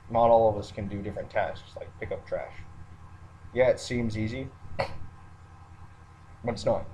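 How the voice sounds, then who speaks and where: A man working in the military offers an unscripted, matter-of-fact rant to online listeners, hesitating now and then as he thinks aloud. He has a fairly low, warm voice with fairly even intonation and a measured pace. The recording is rough, with background noise and a roommate nearby.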